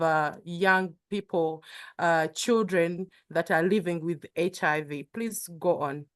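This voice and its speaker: Woman moderating a webinar. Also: lowish voice. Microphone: video call.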